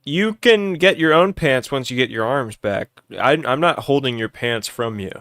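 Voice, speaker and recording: A young man hosting a livestream, loudly and teasingly narrating an improvised role-play game and often restarting his words. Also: medium pitch, animated, moderate pace, no room sound, clean studio sound.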